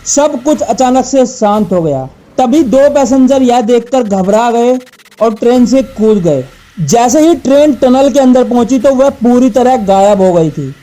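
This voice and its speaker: A man's voice: very high-pitched, dark tone. A man narrating a scripted mystery story for a video channel, speaking to listeners as friends in a suspenseful way.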